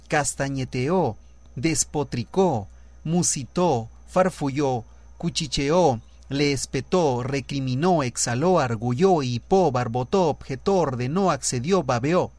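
Slow, measured Spanish-man reading. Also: medium pitch, a little mellow, no room sound. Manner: reads long lists item by item, measured. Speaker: writer giving writing tips. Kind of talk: scripted reading of numbered tips.

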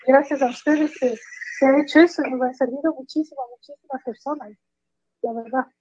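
A woman's voice: high voice, fairly even intonation, a little fast, dark tone, no room sound. A woman calling in to a talk show, reflecting thoughtfully and thanking the hosts. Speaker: caller. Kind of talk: grateful caller testimony. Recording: dull lo-fi line.

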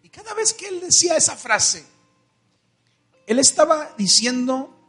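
A man with a Mexican accent telling a Bible story at a church concert, asking the crowd questions and acting out voices. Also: very high-pitched. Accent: Mexican Spanish. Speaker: worship band singer preaching between songs.

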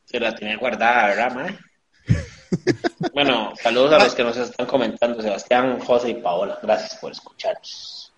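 A man's voice: medium pitch, normal speed, a bit bright, reverberant, dull audio, a little hiss or hum. A man with a Costa Rican accent hosting a casual, crude comedy podcast, joking his way through a mock lecture. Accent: Costa Rican Spanish. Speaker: podcast host.

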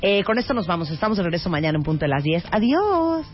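A woman's voice: deep voice, racing, slight background noise. A woman hosting a radio show, chatting casually and reading ads with enthusiasm. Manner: upbeat, enthusiastic. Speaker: radio host. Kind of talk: casual radio chat and live ad reads. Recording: dull lo-fi radio broadcast with faint music.

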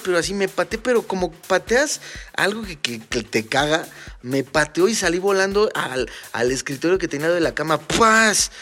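A man with a Mexican Spanish accent hosting a podcast, telling stories in a casual, animated, joking way and talking straight to his listeners as friends. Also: a little high. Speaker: podcast host. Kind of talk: casual comedic storytelling. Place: home studio.

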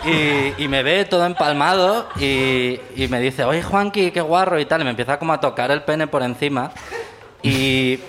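A man's voice: mid-range voice, normal speed, background noise. A man telling an embarrassing story on a live stage show, self-deprecating and laughing at himself. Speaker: audience member telling a story. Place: live theater show with audience.

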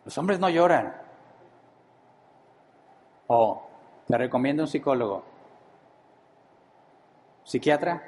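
A man's voice: medium pitch, expressive, slow pace, pauses often, a little mellow, low-quality recording. A man preaching a sermon-style teaching, often asking his listeners rhetorical questions.

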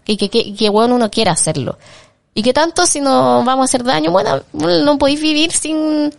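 A woman's voice: sits high, moderate pace, creaky, dry recording. A woman with a Chilean accent, co-hosting a podcast, chatting casually and emphatically with a lot of slang. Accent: Chilean Spanish. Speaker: podcast co-host. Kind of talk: casual chat about a film.

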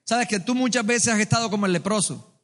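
A man preaching a sermon to a congregation, lively and colloquial, with joking asides, calling on the listeners to answer back. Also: high-pitched, brisk. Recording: long hall reverb.

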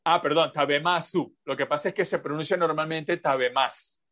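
Male teacher on a video call, a bit high-pitched, muffled sound, repeats himself patiently to guide students. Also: steady tone, a bit bright. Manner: explains patiently with examples and asides; drawn-out, repetitive phrasing with many fillers. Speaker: language teacher. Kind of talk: teaching an online class.

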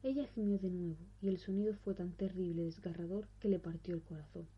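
A woman with a breathy voice reading a horror story in a measured, solemn way. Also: on the low side. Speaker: narrator. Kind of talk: scripted narration of a horror story. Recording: dull recording with faint music.

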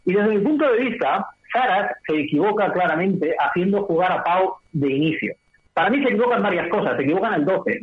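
Guy phoning into a sports radio show, pretty high voice, thin tinny line, talks in long runs and asks himself questions. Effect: heard over a telephone line. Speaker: basketball commentator. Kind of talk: sports analysis over the phone on radio.

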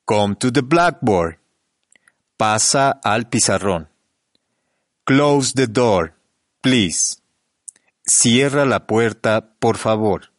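A man reading classroom phrases in pairs for a language lesson, each said slowly and deliberately. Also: lowish voice, expressive, no echo, clean studio sound. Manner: slow, deliberate, evenly paced delivery. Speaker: language teacher. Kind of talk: reading bilingual phrase drills.

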